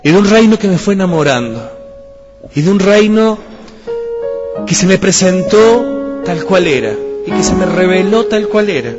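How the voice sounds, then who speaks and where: Argentine man preaching, fairly high voice, long hall echo, muffled sound, music playing underneath, emotional testimony. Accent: Argentine Spanish. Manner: emotional, rising to impassioned pleas. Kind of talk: sermon testimony.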